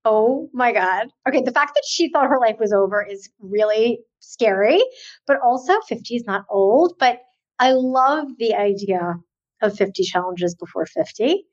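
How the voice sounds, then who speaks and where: A woman hosting an interview, reacting warmly to her guest's stories and asking follow-up questions. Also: on the high side, expressive, moderate pace. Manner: reactive, laughs along with guest. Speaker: podcast host. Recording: slightly dull lo-fi audio.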